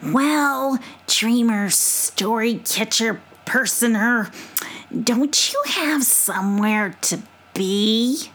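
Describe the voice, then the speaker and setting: Woman putting on a gruff suspicious mama possum. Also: a little high, fairly bright tone, voice pushed up, heavily acted. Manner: blunt, scolding, drawn-out. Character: grumpy suspicious mother possum.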